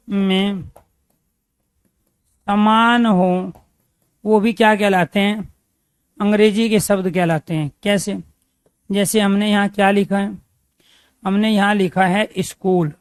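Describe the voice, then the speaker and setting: A man's voice: sits high, smooth, dry recording. A man teaching a grammar lesson, repeating key phrases and asking questions he then answers himself.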